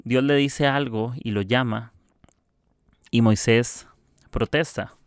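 A man's voice: mid-range voice, slow, clear, resonant tone, no room sound, clean studio sound. Man giving a chatty, playful devotional. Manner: conversational, acts out dialogue in quotes; playful, jokes about church habits. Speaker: preacher. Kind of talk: casual devotional talk.

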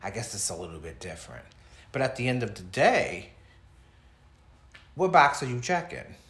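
A man hosting a podcast, talking in a casual, animated monologue straight to his listeners and laughing now and then. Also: mid-range voice, normal speed. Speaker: podcast host. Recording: echoey room.

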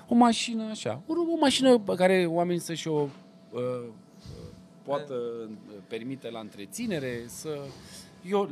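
Man, hesitant then animated. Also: on the high side, slight background noise. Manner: frequent short agreements, hesitant fillers, then animated arguing. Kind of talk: casual chat.

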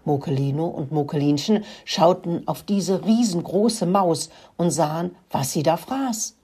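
Breathy woman reading a children's story. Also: fairly low pitch, measured pace, dark tone.

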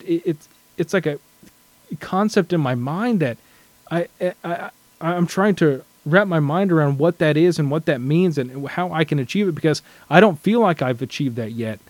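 A man's voice: a little high, a little mellow, no echo. A man sharing his thoughts in a casual scripture study discussion, earnest and reflective, often restarting his sentences.

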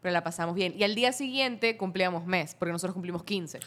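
A woman's voice: lowish voice, fairly bright tone. A young woman, a podcast guest chatting casually and adding details to the story. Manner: chatty, laughing, quick to correct and add details. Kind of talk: casual chat about her relationship.

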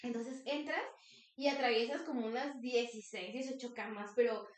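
A young woman with a Mexican Spanish accent, co-hosting a podcast and telling a story in lively, casual chat, acting out the voices. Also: fairly high pitch, moderate pace. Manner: animated, acts out voices, frequent "te lo juro". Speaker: podcast co-host. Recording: roomy, distant mic.

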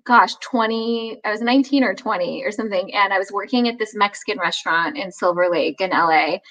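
A woman's voice: medium pitch, fairly quick, a bit bright, rough recording. A young adult woman, a guest actress, telling stories in a chatty way over a video call, full of "like". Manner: chatty, fillers with "like". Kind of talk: animated storytelling.

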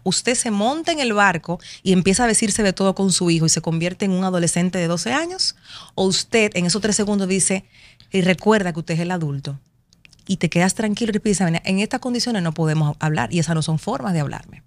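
A middle-aged woman with a Dominican accent, a broadcaster speaking as a guest and telling animated stories about raising her daughters, acting out what each person said. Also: lowish voice, no echo. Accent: Dominican Spanish. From Dominican Republic. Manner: animated storytelling, acts out quotes. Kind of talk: conversational interview.

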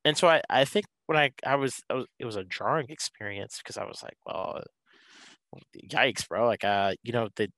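A young man from Atlanta, a student panelist, telling his experience in a casual, animated way with quoted asides. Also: fairly low pitch, no echo, low-quality recording. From Atlanta, Georgia, USA. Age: young adult.

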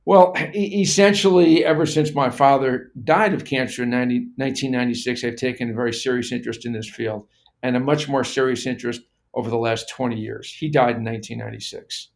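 Male interview guest, average pitch, expert explainer, plain step-by-step delivery with emphatic repeats. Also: fairly even intonation, a little fast, vocal fry.

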